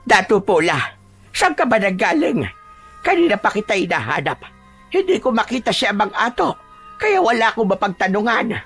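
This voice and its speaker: A woman's voice: medium pitch, very animated, normal speed, a bit bright, soft background music. A woman voicing a worried, vengeful older village woman in a narrated horror audio drama, speaking heatedly and with suspicion.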